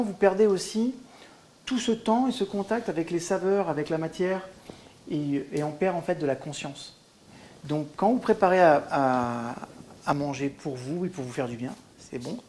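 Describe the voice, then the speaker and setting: A man and wellness coach giving a cooking demonstration in a kitchen, talking viewers through each step in a gentle, instructive way and calling them by fond pet names. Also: fairly high pitch, slight background noise. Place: home kitchen at the stove. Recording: food sizzling in the pan behind.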